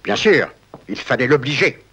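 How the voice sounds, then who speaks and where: A man's voice: mid-range voice, big pitch swings, moderate pace, fairly bright tone, breathy edge, full character voice. An actor playing a stern father who curtly reproaches others in a 1970s film drama. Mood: stern, reproachful. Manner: curt, reproachful. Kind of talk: 1970s French-language film drama acting.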